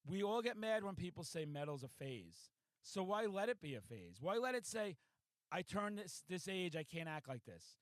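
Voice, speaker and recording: A man in his forties hosting a podcast in a hyper, loud, profanity-laced ranting manner. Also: high voice, big pitch swings, normal speed, no room sound. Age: 40s. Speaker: podcast host. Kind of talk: casual podcast chat.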